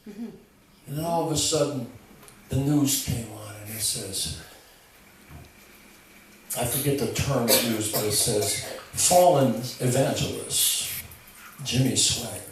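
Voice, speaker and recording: A man preaching a sermon with humor, shifting from quiet musing to raised, emphatic delivery. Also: medium pitch, slow pace, long pauses, background noise. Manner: humorous, swings from quiet to loud. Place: church. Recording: echoey church from far off. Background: congregation responding.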